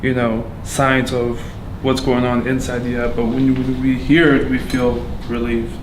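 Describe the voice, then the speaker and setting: A man from Afghanistan giving a candid account as a patient, halting and full of fillers and restarts. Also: mid-range voice, completely flat delivery. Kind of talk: candid personal testimony. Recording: echoey room with background noise.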